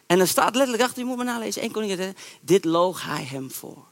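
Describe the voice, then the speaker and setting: High-voiced male preacher in an echoey hall. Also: fast talker, vocal fry. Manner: lively colloquial storytelling, voices the quotes. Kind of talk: sermon retelling a Bible story.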